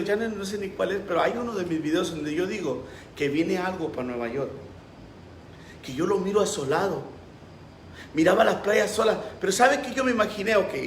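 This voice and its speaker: A man's voice: sits high, a bit bright, a little hiss or hum. A pastor preaching a sermon with passion, acting out the voices he quotes. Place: church. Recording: roomy echo.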